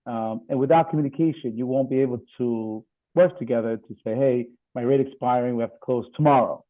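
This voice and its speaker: A man, a real estate attorney, explaining things in a steady, measured way during a seminar. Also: mid-range voice. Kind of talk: seminar presentation on video call. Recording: tinny phone-like call audio.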